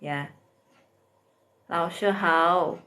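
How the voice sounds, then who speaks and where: Slow, patient woman teaching Mandarin. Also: lowish voice, fairly even intonation, pushed and bright. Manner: slow, patient, greets viewers by name. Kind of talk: live-streamed language lesson.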